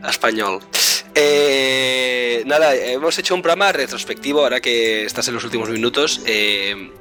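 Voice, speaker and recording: A man's voice: mid-range voice, moderate pace, bright, forceful tone, faint music behind. A man hosting a casual podcast, teasing his cohost with jokes. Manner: joking, teasing. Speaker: podcast host.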